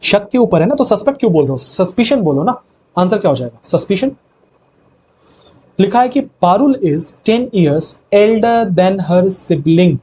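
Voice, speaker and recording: A high-pitched, mellow, slightly husky man teaching an online grammar class. He moves quickly through his explanations and then slows right down to read each example sentence. He keeps asking his students questions and answering them himself. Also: big pitch swings. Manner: explains in fast Hindi, reads English sentences slowly. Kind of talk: live online grammar lecture.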